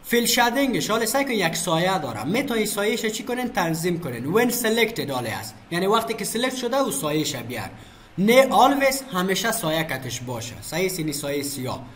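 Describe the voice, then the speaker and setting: Man, high voice, software tutorial, asks and answers his own questions, faint hiss behind. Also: very animated. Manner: asks questions then answers them himself. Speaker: computer teacher. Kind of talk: screen-recorded software tutorial.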